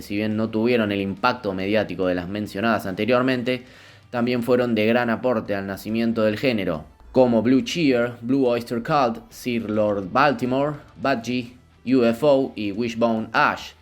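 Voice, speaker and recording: A man narrating a scripted music history in an even, measured reading voice. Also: medium pitch.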